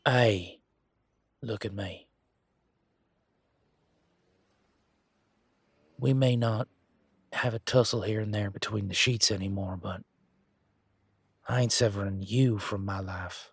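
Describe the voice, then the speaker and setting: Man playing Gavin, gravelly low-voiced flirty werewolf. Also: fairly even intonation, a little slow, long pauses, no echo. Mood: tender, sincere. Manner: teasing, informal, conversational. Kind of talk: roleplay audio drama, one side of a dialogue.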